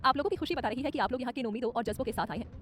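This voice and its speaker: A woman's voice: on the high side, rapid-fire, natural voice. A woman voicing Mrs. Neelima, a stern, authoritative female CEO with a commanding, scolding manner. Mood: gracious.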